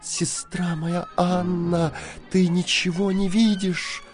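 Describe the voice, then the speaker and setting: A man's voice: sits high, little pitch movement, slow pace, soft background music, pitched above the performer's own voice. A man voicing a frightened young wife who pleads in a raised, tearful voice in a storybook tale. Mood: pleading.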